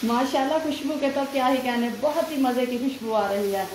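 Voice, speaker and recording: A Pakistani woman hosting a cooking channel talks through a recipe in a voice-over, giving steady step-by-step instructions. Her voice is high-pitched and fairly quick. The low-quality recording has an echoey room and a little hiss or hum.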